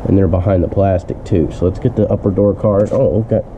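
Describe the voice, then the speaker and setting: Congested from a cold, a man works on a car and talks through the repair in a casual DIY narration. His nasal voice sits low and dark, steady and brisk, as he rambles with many fillers and a bit of mild profanity. The sound comes from an action camera and is dull, lo-fi and noisy.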